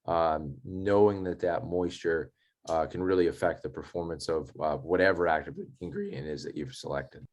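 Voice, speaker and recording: A man's voice: low-pitched, steady tone, moderate pace, a little mellow. A man giving a technical lecture on herbicides in a folksy, practical way, with many casual fillers. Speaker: turf science presenter.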